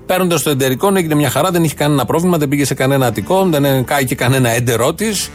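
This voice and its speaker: A man's voice: fairly high pitch, soft background music. A man hosting a satirical news show, reading items in a mock-serious, sarcastic way.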